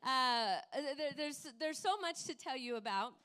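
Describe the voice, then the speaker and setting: A woman missionary in her forties preaches in a church, her voice sitting high. She is emotional, laughs often and stumbles into restarts, then builds into fervent declarations. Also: expressive, slow pace, sharp tone, smooth. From United States. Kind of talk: sermon with live interpreter.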